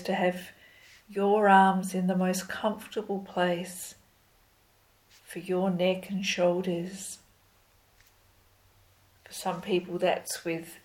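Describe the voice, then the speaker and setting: A woman yoga instructor speaks at a very slow, unhurried pace in a fairly low voice. She guides movement and breathing step by step, with a calm and gentle delivery. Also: low-quality recording.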